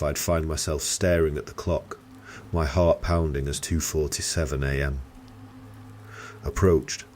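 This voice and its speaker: A man reading a scripted horror story in a slow, grave storytelling manner. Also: very deep voice, darkish tone, a little hiss or hum. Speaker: narrator.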